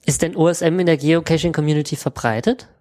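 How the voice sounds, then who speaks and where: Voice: mid-range voice, quick pace, darkish tone. An interviewer in a casual talk, asking long questions that restart along the way.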